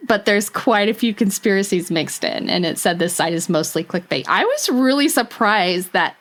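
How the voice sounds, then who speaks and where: Woman podcast cohost, giggly, reading bits of articles in a casual chat, mid-pitched voice. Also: lively intonation, normal speed, fairly bright tone. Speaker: podcast co-host.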